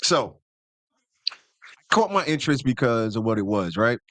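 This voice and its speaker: A man's voice: medium pitch, sing-song, a little slow, no echo. A man co-hosting a podcast in casual chat, laid-back and loose with slang, stopping to correct himself. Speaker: podcast co-host.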